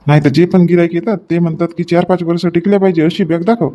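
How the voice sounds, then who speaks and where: A man playing a chatty shopkeeper in a comedy sketch, joking with customers while pitching his goods. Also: fairly even intonation, fast, mellow. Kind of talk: comic sketch acting.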